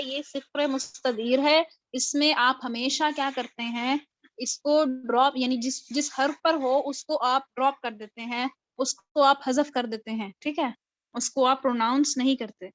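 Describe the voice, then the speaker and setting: A woman's voice: high-pitched, dry recording. A woman teaching a live online recitation class, explaining step by step and answering her own questions. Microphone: video call. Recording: dull lo-fi video call audio.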